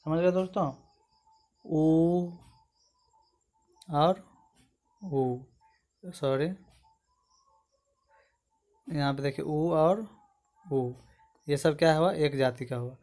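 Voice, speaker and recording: Man teaching grammar, slightly high voice. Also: extremely slow, long pauses, dark tone. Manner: explains step by step, often asks "समझ गए दोस्तों?". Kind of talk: exam-prep grammar lesson.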